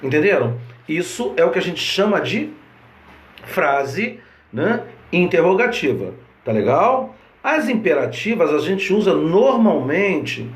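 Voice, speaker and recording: A man's voice: sits high, echoey room. A man explains grammar over slides in a conversational way, often checking in with his listeners. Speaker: teacher.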